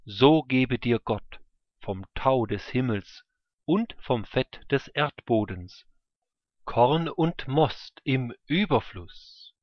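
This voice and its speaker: An aged patriarch speaks blessings in a solemn, measured voice, as a male reader gives him words. The pace is very slow and deliberate. The sound is dry and muffled. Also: mid-range voice, no room sound. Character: old blind father, solemn patriarch giving blessings. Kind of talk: scripture reading.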